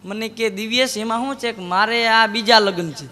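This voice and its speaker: A man's voice: sits high, brisk, pushed and bright, in a large hall. A man telling comic anecdotes on stage, acting out friends in dialogue. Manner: telling joke anecdotes in first person, voicing friends in dialogue. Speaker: stand-up comedian. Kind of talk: Gujarati folk comedy storytelling.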